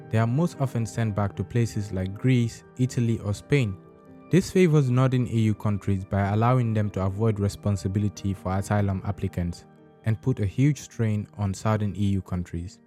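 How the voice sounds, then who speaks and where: Mellow-voiced male documentary narrator. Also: fairly low pitch, moderate pace, faint music behind. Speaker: podcast host and narrator.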